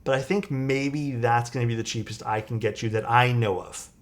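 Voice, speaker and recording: Soldering a keyboard on a livestream, a young Toronto man with a Canadian accent keeps up an easygoing, chatty conversation, responding to his chat. He speaks in a steady, mid-range voice at a moderate pace.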